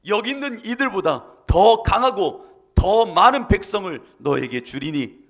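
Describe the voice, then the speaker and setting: A man voicing an angry God who speaks slowly and gravely. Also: high voice, lively intonation, heavily acted. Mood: solemn. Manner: slow, grave, threatening. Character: wrathful God, deep and grave.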